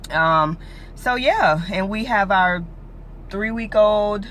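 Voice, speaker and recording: In a mid-range, fairly bright voice and at a slow pace, a late-20s vlogger rambles casually three weeks after giving birth, peppering her talk with "like" and "you know." A little hiss or hum runs underneath.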